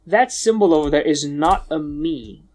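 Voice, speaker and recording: A man's voice: a little high, moderate pace, darkish tone. A man co-hosting a podcast, chatting casually, joking and bickering and swearing freely. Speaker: podcast co-host. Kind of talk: casual chat.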